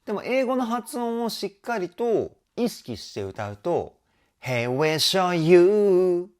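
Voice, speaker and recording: Lively, enthusiastic male vocal coach. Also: high-pitched, unhurried. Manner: enthusiastic, chatty, often adds ね; sings short snippets to demonstrate. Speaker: vocal trainer. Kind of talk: music video reaction and vocal analysis.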